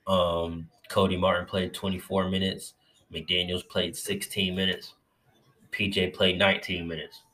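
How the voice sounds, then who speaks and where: A man giving a casual, profane recap of his team's win, excitable and swearing often, while getting over covid and feeling a bit lightheaded. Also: low voice, unhurried. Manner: loose, profane, excitable fan talk. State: recovering from covid, a little lightheaded. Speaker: sports fan vlogger.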